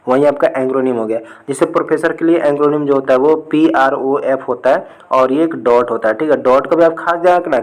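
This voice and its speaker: A man's voice: on the high side, poor audio. Chatty young male exam tutor. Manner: repeats "ठीक है" often, talks students through answers. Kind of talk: casual Hindi exam lesson.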